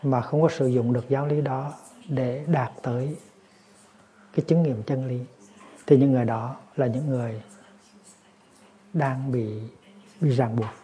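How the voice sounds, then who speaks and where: A man as a Buddhist teacher giving a dharma talk, explaining calmly. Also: medium pitch, measured pace, long pauses, breathy edge. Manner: calm explaining, lively storytelling.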